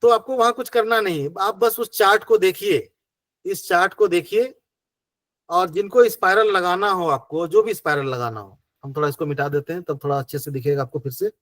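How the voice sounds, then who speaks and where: High-voiced man teaching with a Hindi accent. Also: brisk, fairly bright tone, no echo. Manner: patient, step-by-step, repeating rhetorical questions. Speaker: acupressure teacher. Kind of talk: online class explanation.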